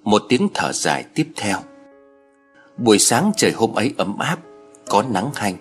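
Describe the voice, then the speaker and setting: A man narrating stories aloud in a measured, expressive way. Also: on the low side, soft background music. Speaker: story narrator. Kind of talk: scripted audiobook narration.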